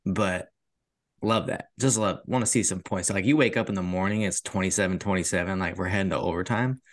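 A man's voice: deep voice, brisk, dry recording, studio quality. A man co-hosting a casual sports podcast, laid-back, swearing freely and laughing often. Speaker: podcast co-host.

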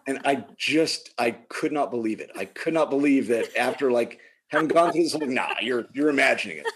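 A man casually telling a funny personal story, animated and laughing often. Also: medium pitch, normal speed, breathy edge. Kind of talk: casual chat.

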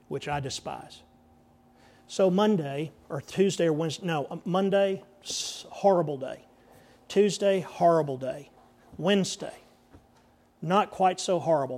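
Animated pastor in his fifties. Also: on the high side. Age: 50s. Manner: animated storyteller, voices the people in his story. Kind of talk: storytelling sermon.

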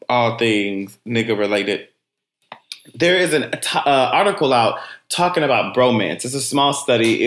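A man's voice: mid-range voice, fairly bright tone. Joking male podcast co-host, echoey room. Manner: loose, joking, drawn-out delivery. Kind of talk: casual podcast chat. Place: podcast studio.

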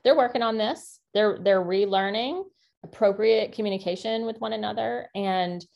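A woman co-hosting a casual faith-based parenting podcast, talking in an earnest, encouraging way with quick asides. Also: medium pitch, vocal fry, darkish tone. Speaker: podcast co-host.

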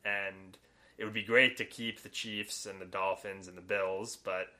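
A man co-hosting a casual sports podcast, blunt and opinionated, with quick asides. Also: deep voice, level tone, bright, forceful tone. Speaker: podcast co-host.

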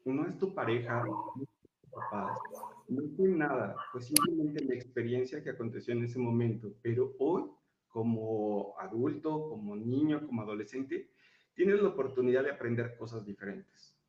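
A man's voice: mid-range voice, animated, normal speed, far from the mic. Man, guest, earnest, explaining, muffled, echoey. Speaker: guest speaker. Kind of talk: casual chat. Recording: dull, echoey sound.

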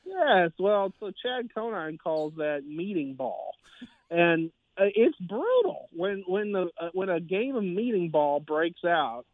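A man's voice: sits high, very animated, slow pace, no room sound. Man on a tinny phone line. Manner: rambling, heavy with fillers and restarts. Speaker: sports writer guest. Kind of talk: casual sports talk.

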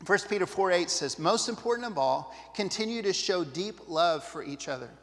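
A man preaches in a casual, earnest way, often turning to the congregation with asides. His voice sits high for a man. The sound carries the long reverb of a church hall. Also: expressive, normal speed, fairly bright tone. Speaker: pastor. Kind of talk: sermon.

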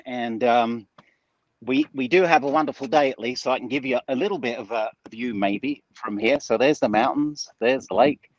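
A man's voice: medium pitch, normal speed, no echo. Man co-hosting from a rooftop, dull call sound. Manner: joking, apologetic. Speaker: co-host. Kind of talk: casual live show chat. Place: outdoors on a house rooftop. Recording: dull band-limited internet call sound.

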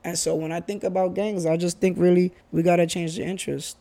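Talking loosely through his opinions, an earnest Bronx, New York man in his thirties keeps the chat casual. His voice sits high for a man, mellow and soft-edged yet gravelly, with a flat delivery at a slightly fast clip. He frequently restarts sentences and repeats points for emphasis.

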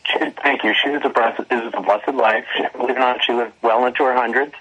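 A slightly noisy radio call with a man acting as an emotional, devout grandson in a Boston accent. He speaks in a hesitant, earnest way, with an ordinary mid-range pitch, as he confides his troubles. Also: fairly even intonation, quick pace, a bit bright, lo-fi sound, close to an everyday voice. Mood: nervous, sorrowful. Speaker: prank caller to a radio show.

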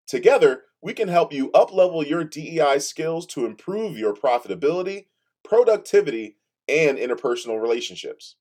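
A man's voice: fairly high pitch, animated, normal speed, a little mellow. A man reading a scripted podcast promo in an upbeat, salesy way, stressing each item.

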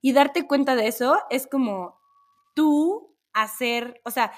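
High-voiced Mexican woman co-host. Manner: supportive, quick to agree. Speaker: podcast co-host. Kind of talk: casual chat.

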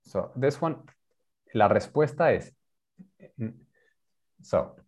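Male English tutor, patient, lively pitch. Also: slow. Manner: patient, switches between English and Spanish, repeats and explains. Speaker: English teacher. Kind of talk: online bilingual English lesson.

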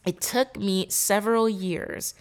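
A woman's voice: medium pitch, takes it slowly. Woman, podcast host, stuffy nose, emphatic, repetitive, motivational. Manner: emphatic, repeats words for stress, addresses listeners as queen. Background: painters working nearby.

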